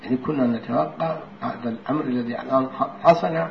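A man giving a religious lesson, reading old narrations and explaining them line by line in a steady, deliberate way. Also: mid-range voice, gravelly, a little hiss or hum. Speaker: religious teacher. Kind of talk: hadith lesson. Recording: echoey room, dull lo-fi sound.

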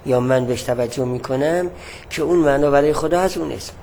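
A man teaching a religious lesson, explaining at a measured pace and repeating his key points. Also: medium pitch, darkish tone.

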